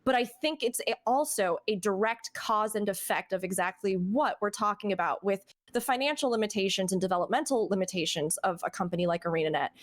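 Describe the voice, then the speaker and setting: A woman streamer hosting a podcast, chatty and animated, full of fillers and asides. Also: medium pitch, fairly quick, few pauses. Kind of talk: casual podcast discussion.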